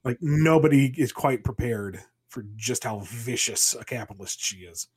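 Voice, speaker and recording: A man's voice: mid-range voice, animated, normal speed, darkish tone, breathy edge. Man riffing playfully in casual chat. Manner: playful, riffing comic scenarios.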